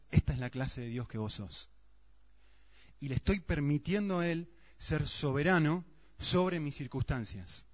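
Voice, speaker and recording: A man preaching a sermon earnestly, often asking the congregation rhetorical questions. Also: mid-range voice. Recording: dull, muffled sound.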